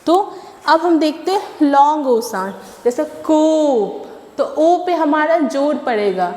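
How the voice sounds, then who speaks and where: A woman's voice: high-pitched, sing-song, unhurried, darkish tone. A woman teacher from India giving an online English phonics class, patiently repeating words and asking rhetorical questions. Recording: echoey room with long reverb.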